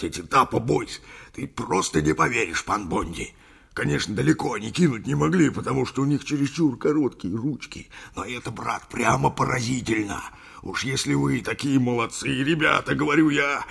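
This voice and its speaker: A man's voice: medium pitch, vocal fry, a bit bright, slightly rough, voice pushed up, full character voice. A man voicing an older, sentimental sea captain who rambles through a yarn in an audiobook. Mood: tender. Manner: rambling folksy storytelling, addresses listener as brother. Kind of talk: audiobook character reading.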